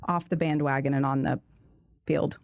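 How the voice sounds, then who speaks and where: A woman co-hosts a casual podcast, playful and quick with teasing jokes. Her voice sits somewhat low for a woman. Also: fairly even intonation, creaky, a little mellow. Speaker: podcast co-host. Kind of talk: casual interview chat.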